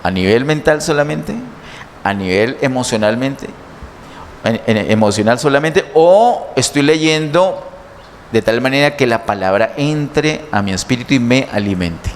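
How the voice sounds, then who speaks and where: A man's voice: medium pitch, expressive, a little slow. A man preaching a sermon in a church, teaching step by step and asking his listeners many questions. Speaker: pastor. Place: church hall. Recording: church hall reverb, faint noise.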